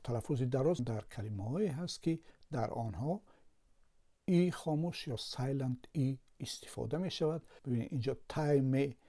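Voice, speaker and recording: A man's voice: medium pitch, dark tone. A man with a Tajik Persian accent, a language teacher patiently explaining a lesson with word examples.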